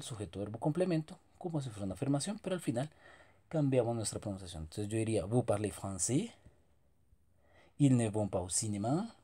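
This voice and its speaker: A man teaching French grammar in Spanish, reading French example sentences slowly and carefully. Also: mid-range voice, mellow, breathy edge.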